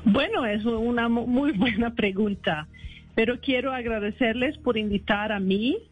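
Higher-voiced woman with foreign-accented Spanish. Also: highs cut off, faint music behind. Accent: foreign, non-native Spanish. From Sweden. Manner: careful, halting delivery with searching for words. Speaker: ambassador, interview guest. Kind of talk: radio interview by call.

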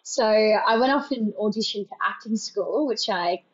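A woman's voice: medium pitch, normal speed, dull audio. A young Australian woman from Queensland, a guest on a podcast, chatting casually and laughing often. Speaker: guest, nurse. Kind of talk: casual interview chat.

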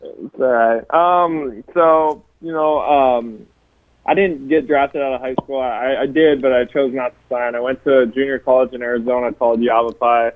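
A man's voice: medium pitch, steady tone, normal speed. Man talking over a tinny phone line. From Hawaii. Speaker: phone-in guest, baseball pitcher. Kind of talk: casual chat on a phone line.

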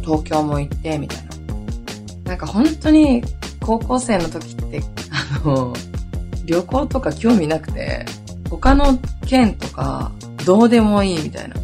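A woman around thirty hosting her own podcast, hoarse today and chatting in a lively, rambling way with many asides. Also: low voice. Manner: chatty, animated storytelling with lots of asides. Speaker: podcast host. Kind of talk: casual solo podcast chat.

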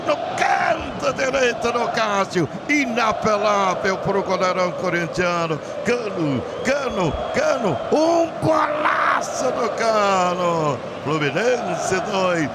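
High-pitched Brazilian man, explosive goal commentary. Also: very animated, very noisy. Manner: shouting, drawn-out, repetitive goal calls. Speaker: football play-by-play commentator. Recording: broadcast over loud crowd and music.

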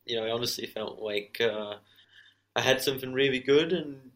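Man, medium pitch, athlete interviewee, casual, modest, understated, filler-heavy phrasing. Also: moderate pace, fairly bright tone. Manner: modest, understated, leans heavily on "you know". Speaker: professional motorcycle racer being interviewed.

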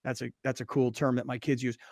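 A middle-aged man hosting a sports talk radio show, energetic and conversational. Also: medium pitch, fast talker, vocal fry, dry recording, studio quality.

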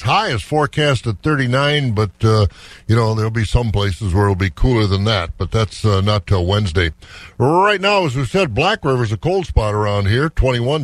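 A man's voice: medium pitch, no room sound. An American man hosting morning farm radio, reading weather and market prices in a folksy, conversational way. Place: radio studio.

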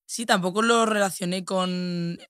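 A woman's voice: fairly low pitch, fairly even intonation, a little slow, a bit bright, clean tone, dry recording, studio quality. A young woman with a Sevillian accent, a podcast guest talking in a reflective, casual way with lots of fillers and tag questions. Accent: Sevillian Spanish. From Spain.

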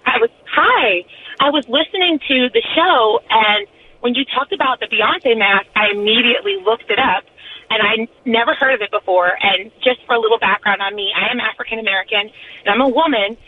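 A woman's voice: a little high, brisk. A woman calling in to a radio show over the phone. She speaks earnestly and thoughtfully, with frequent ums. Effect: heard over a phone line. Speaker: caller. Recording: tinny phone line.

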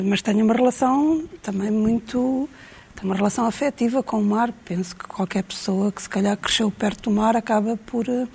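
A woman's voice: on the high side, a little mellow, slightly rough. A woman, a talk show guest who talks lightly and hesitantly. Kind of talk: casual talk show conversation.

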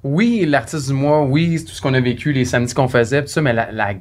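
A man with a Québécois French accent chats quickly and loosely, circling back and restarting his sentences as he reminisces. His pitch sits in a middle range. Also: a loud crowd. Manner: rambling, many restarts and "tu sais". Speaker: former stage manager, guest. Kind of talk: casual reminiscing chat.

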